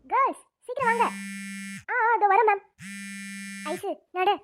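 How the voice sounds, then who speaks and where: Very high, fussing cartoon women. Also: female voice, a little slow, slight background noise. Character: nurse, camp teachers and schoolgirls. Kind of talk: cartoon drama dialogue.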